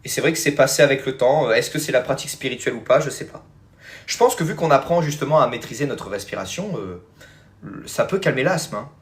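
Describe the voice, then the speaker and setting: A man's voice: medium pitch, lively intonation, fast talker. Chatty man rambling to his viewers. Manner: rambling, many fillers and "hein", calls viewers "les amis". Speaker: spiritual teacher hosting a live stream. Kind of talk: casual live-stream chat answering viewers.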